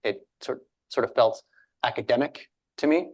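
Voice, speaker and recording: A man's voice: mid-range voice, normal speed. A man from Alberta moderating a panel discussion in a loose, chatty way, with frequent fillers, restarts and self-deprecating asides. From Alberta, Canada.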